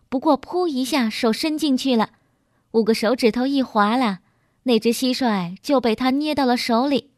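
A woman narrating a scripted story in a lively, expressive way. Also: a little high, dry recording, clean studio sound.

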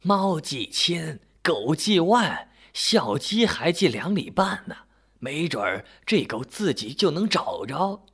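A man voicing a worried elderly village wife, raising his pitch to scold and fuss. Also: big pitch swings, slow, a bit bright, slightly rough, full character voice. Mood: chiding. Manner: scolding, pitch raised high.

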